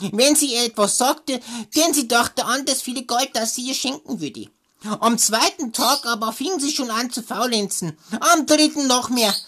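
Woman, high voice, stumbling comic fairy tale reading, joking asides. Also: a bit bright. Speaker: reader.

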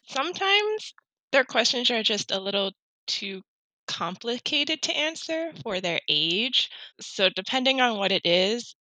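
A woman's voice: on the high side, very animated, measured pace, bright, forceful tone, no echo, low-quality recording. A woman from New York, a teacher and podcast guest, talking plainly and straightforwardly. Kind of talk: casual podcast chat.

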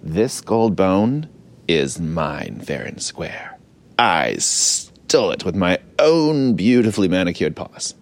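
A man's voice: deep voice, big pitch swings, takes it slowly, heavily acted. A man voicing a cocky female poodle mob boss who talks tough and boastful, in an audio story. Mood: smug. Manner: boastful, tough-talking villain.

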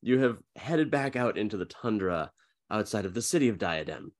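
A man running a tabletop game as game master, narrating in a casual, halting, informal way. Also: lowish voice, lively intonation.

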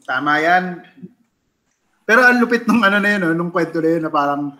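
A man co-hosting a casual chat who teases and jumps in with quick comments. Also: sits high, lively intonation, bright, forceful tone, roomy sound. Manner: teasing, quick interjections. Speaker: co-host.

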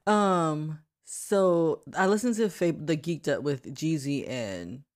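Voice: medium pitch, animated, takes it slowly. A podcast co-host in casual chat, giggling often and trailing off into fillers.

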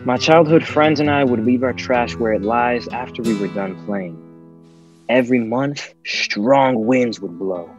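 A man playing a menacing, philosophical crime lord in an audio drama, delivering deliberate, grand speeches. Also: medium pitch, dull audio, faint music behind, natural voice. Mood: solemn, commanding.

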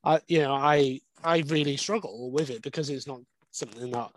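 A man's voice: medium pitch, brisk, poor audio. A young man, a dog behaviourist, talking candidly and at length in a podcast interview. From Wales. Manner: candid, conversational, explains at length.

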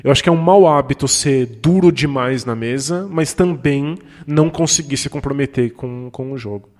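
Heard in a room with long reverb, a podcast co-host with a Brazilian Portuguese accent discusses ideas casually, restarting often as he explains. His voice is mid-range and darkish, at a normal pace.

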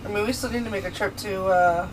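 A woman's voice: medium pitch, fairly even intonation, fast, faint music behind, rough recording. A woman co-hosting a podcast in casual chat, drawing out her laughing exclamations. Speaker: podcast co-host.

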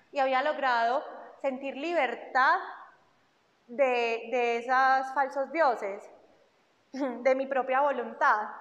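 A young woman tells her faith story in a high, bright-sounding voice. She leans on repetition and acts out conversations as she goes. The recording is muffled, and a long hall reverb trails every phrase. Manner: emphatic, repeats phrases, acts out dialogue. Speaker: faith testimony speaker. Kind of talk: personal religious testimony.

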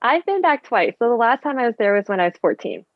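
Her pitch sits on the high side, and she talks quickly with a sing-song lilt on a dry recording. She's a Vietnam-born woman in her thirties, raised in the Bay Area with Vietnamese as her first language, chatting casually as a friendly podcast guest over a video call about her work as a physical therapist and running coach. The video-call audio sounds dull.

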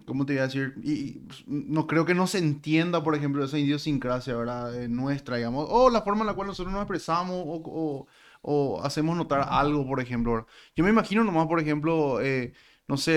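A man's voice: on the high side, clean tone. A man with a Paraguayan accent hosting a casual chat, musing aloud and searching for words. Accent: Paraguayan Spanish. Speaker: podcast host.

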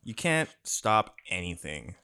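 A man co-hosting a casual chat, talking bluntly with heavy swearing and animated rants. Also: low-pitched, slow, slight background noise.

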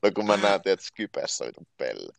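A man's voice: deep voice, sing-song, creaky, dry recording. A man co-hosting a casual podcast chat over a remote call, joking and bantering. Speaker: podcast co-host. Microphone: remote call recording.

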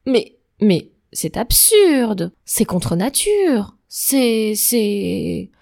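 A woman's voice: mid-range voice, big pitch swings, normal speed, a little mellow. A woman doing a flustered pompous knight. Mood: flustered insistent.

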